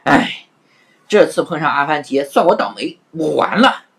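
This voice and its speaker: A woman's voice: deep voice, lively intonation, normal speed, fairly bright tone, pitched above the performer's own voice. A woman voicing a flustered, cheating male innkeeper who begs and panics. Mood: desperate. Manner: pleading, flustered.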